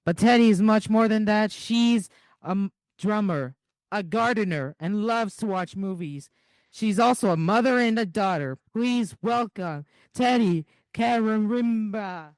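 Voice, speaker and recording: A man co-hosting an event gives a formal, welcoming introduction in a high, smooth voice. The recording is dry. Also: unhurried, dry recording. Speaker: event co-host. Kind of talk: introducing a speaker.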